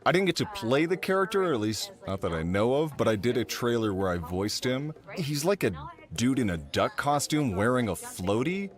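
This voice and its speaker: A young American man, interviewed as a voice actor, chats casually and tells stories with animated amusement. His voice is medium-pitched and his pace normal.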